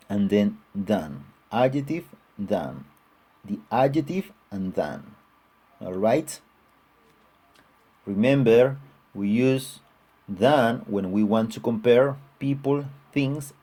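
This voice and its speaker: Slow, husky-voiced male teacher. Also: medium pitch, mellow. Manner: patient, repeats examples, frequent "all right?" checks. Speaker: English teacher. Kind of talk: online grammar lesson.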